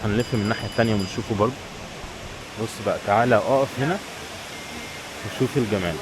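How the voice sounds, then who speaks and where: A man with an Egyptian Arabic accent talks to camera in a racing, lowish voice. Out on town streets as a travel vlogger, he keeps things casual and speaks directly to his audience, and the recording clearly captures the traffic around him.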